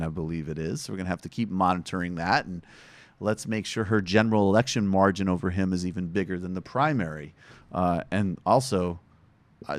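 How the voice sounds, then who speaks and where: A man's voice: fairly low pitch, dry recording. A man from western Massachusetts hosting a podcast, giving conversational political commentary with wry asides. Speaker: podcast host.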